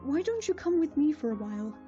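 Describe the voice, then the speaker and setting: A woman voicing a gentle, motherly pony princess who speaks calmly and patiently. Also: sits high, fast, dull audio, faint music behind. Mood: kind. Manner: calm, patient and kind.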